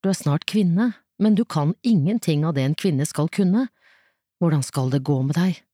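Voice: medium pitch, dark tone, no echo, studio quality, lightly acted. A reader doing a weary, exasperated mother. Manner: despairing, pleading. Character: worried, exasperated middle-aged mother.

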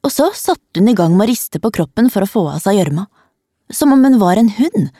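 A woman reading a children's story aloud in the first person, in a calm and even storytelling manner, close to the microphone. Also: mid-range voice, dry recording. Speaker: narrator.

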